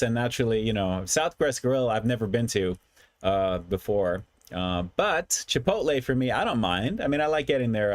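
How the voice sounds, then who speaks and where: A man's voice: medium pitch, no room sound. Guy doing a chatty food review livestream, repeats himself for emphasis, close dry recording. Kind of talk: casual livestream chat, reading and answering comments.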